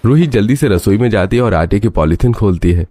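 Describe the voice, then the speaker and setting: A man narrating a cartoon story in a steady storytelling style. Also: fairly low pitch, fairly quick, faint music behind. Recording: faint background noise.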